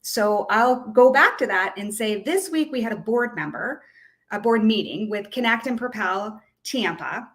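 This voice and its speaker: A woman from the United States, a guest on an online show, telling a story in a lively, chatty way. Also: on the high side, measured pace. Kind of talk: conversational storytelling.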